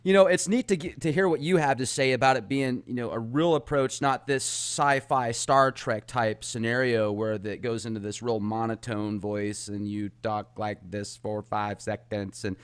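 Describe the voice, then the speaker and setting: Male host, casual animated chat, laughs easily, mid-pitched voice. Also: moderate pace, hardly any pauses, clear, resonant tone. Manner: animated, laughing, acts out impressions.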